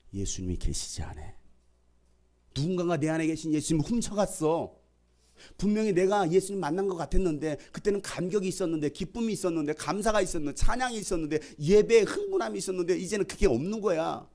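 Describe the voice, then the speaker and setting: A male pastor preaching a sermon, swinging from loud calls to soft whispers and acting out the voices in the scripture. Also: high voice, expressive, quick pace. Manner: acts out the voices in the scripture passages.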